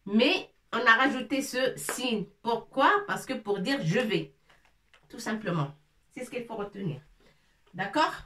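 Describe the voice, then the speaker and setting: A woman teaching a lesson in French, slowly drilling syllables as she writes on a board. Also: a little high, expressive, sharp tone, slight background noise. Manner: slow, repetitive, drilling syllables. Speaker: Arabic teacher. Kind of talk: casual classroom lesson, writing on a board. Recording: echoey room, mic at a distance.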